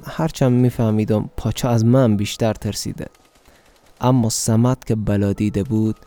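A man with an Afghan Dari accent reading a story aloud for radio, with a steady, measured delivery. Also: medium pitch. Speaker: narrator.

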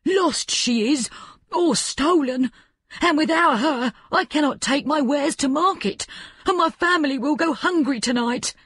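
A woman voicing a poor, worried old man from the village who pleads slowly in old-fashioned speech. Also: high-pitched, a bit bright, dry recording, pitched above the performer's own voice.

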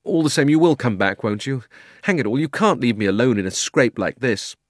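A man's voice: mid-range voice, animated, brisk, no room sound, clean studio sound, pitched above the performer's own voice, lightly acted. A man voicing an anxious young schoolboy in a storybook, speaking in an earnest, urgent, blurting way. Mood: anxious pleading.

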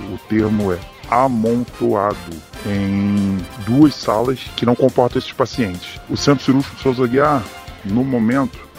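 A man's voice run through a distortion effect to keep him anonymous, heard in a news report with faint music underneath. His pitch sits in a middling range, and he talks in a measured, deliberate way. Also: vocal fry. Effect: voice distorted to hide identity. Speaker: doctor. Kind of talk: news interview clip.

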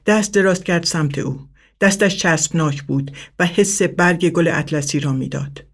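A man reading a story aloud in a calm, even narration. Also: fairly high pitch.

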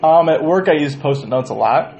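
A man's voice: fairly high pitch, expressive, brisk, vocal fry, a little mellow. A man co-hosting a casual podcast with playful, joking banter, recorded from a little way off on an open mic. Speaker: podcast co-host. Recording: distant open mic, noisy background.

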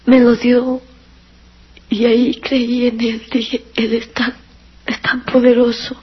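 Woman sharing her testimony, earnest and emotional, pretty high voice, kinda flat delivery, muffled lo-fi sound. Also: takes it slowly, breathy edge. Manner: earnest and emotional, sometimes near tears. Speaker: person giving a religious testimony. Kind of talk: personal testimony. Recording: dull lo-fi recording.

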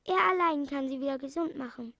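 A woman's voice: high-pitched, fairly quick, bright, forceful tone, no room sound, clean studio sound. A woman voicing a sighing, tearful crocodile. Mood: mournful. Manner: sighing, mournful. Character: sad tearful male crocodile.

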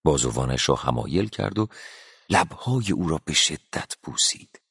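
A man narrating a literary story as an audiobook, reading in a slow, dramatic and expressive way. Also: extremely low pitch, creaky, husky, no room sound, studio quality.

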